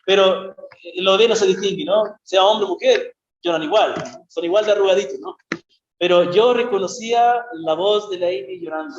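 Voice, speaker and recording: A man's voice: sits high, moderate pace, a little hiss or hum. A man preaching a sermon as a missionary, earnest and conversational, often asking rhetorical questions and repeating key phrases. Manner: conversational, asks the congregation frequent rhetorical questions. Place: church. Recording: echoey, dull lo-fi church recording.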